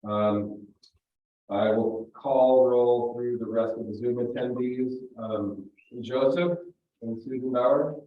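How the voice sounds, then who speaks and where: A man's voice: mid-range voice, fairly even intonation, slow. A man calling roll at a meeting who keeps hesitating with ums, his voice muffled and hollow as if he were speaking from the bottom of a well. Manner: hesitant, many ums and uhs. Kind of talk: hybrid meeting roll call. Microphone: remote call audio. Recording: echoey, distant, phone-like call line.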